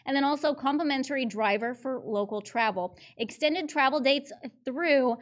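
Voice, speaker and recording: Woman, high voice, chatty event co-host, upbeat. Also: moderate pace. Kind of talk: presenting auction items.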